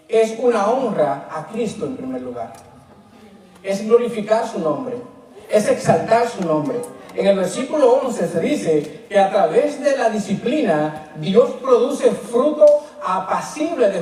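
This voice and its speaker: A man's voice: high-pitched, dark tone. A man preaching a sermon, emphatic, putting rhetorical questions to the congregation. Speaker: pastor. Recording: very echoey church hall, mic at a distance.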